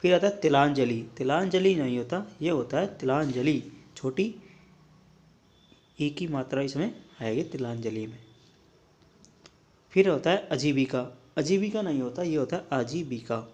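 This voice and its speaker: A young man teaching correct spellings in a lesson, setting each wrong form against the right one and checking in often with a quick "okay". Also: mid-range voice, animated, a little mellow. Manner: repetitive drilling, checks in with "ठीक है" often; contrasts the wrong form with the right one, pausing mid-word. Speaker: Hindi teacher. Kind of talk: spelling lesson for exam prep.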